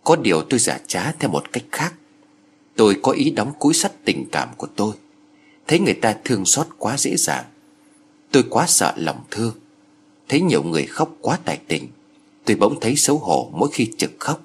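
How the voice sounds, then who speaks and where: A man narrating stories aloud in a measured, expressive way. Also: fairly low pitch, breathy edge. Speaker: story narrator. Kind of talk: scripted audiobook narration.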